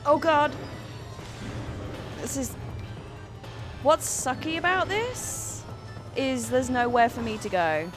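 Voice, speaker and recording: A woman's voice: high voice, animated, slow pace, pauses often. A woman in her thirties streaming a video game live, chatting with viewers and swearing and exclaiming at the action. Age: 30s. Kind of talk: live gameplay commentary. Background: faint game music.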